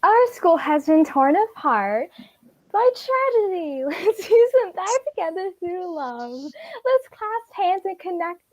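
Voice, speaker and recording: A woman's voice: very high-pitched, very animated, slow pace, heavily acted. A woman voicing a gushing, chirpy TV host in a sing-song voice in a table read of a screenplay.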